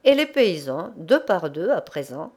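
A woman narrating a classic novel as an audiobook reader, with expressive storytelling. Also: lowish voice, a little slow.

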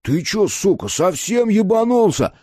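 A man voicing a brash, foul-mouthed young male driver who shouts and curses. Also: mid-range voice, very animated, brisk, no echo, studio quality, voice pushed up. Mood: angry shouting. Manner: shouting, cursing.

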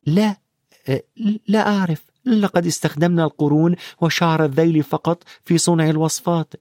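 A man's voice: a little high, fairly even intonation, fairly quick, darkish tone, dry recording, clean studio sound, pitched above the performer's own voice, close to an everyday voice. A man voicing a frightened young boy wizard in an audiobook, asking anxious questions.

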